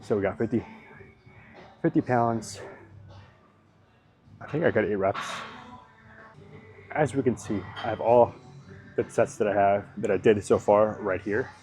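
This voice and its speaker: A man's voice: fairly low pitch, a little slow, long pauses, darkish tone, soft background music. A man casually talking through his home workout, rambling and thinking aloud, hedging and swearing now and then. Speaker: fitness vlogger.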